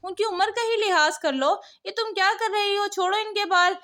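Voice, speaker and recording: A woman's voice: very high-pitched, moderate pace, sharp tone, voice pushed up. A woman voicing a frightened young husband in a cartoon horror story. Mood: scolding.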